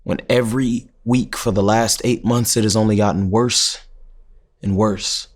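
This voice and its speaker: A worn-down, resigned prisoner with a lowish male voice. He speaks in a flat, hopeless way in a stage monologue built from real testimony, with a faint clicking heard behind. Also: a little slow. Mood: bitter resignation. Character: weary jailed man, bitter and resigned. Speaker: actor. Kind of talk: documentary theatre monologue.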